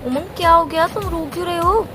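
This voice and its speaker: A young woman with a very high voice pleads with her partner and urges him to calm down. Music plays clearly beneath the call. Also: brisk. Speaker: gamer chatting with her partner. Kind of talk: emotional voice-chat argument. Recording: music playing underneath.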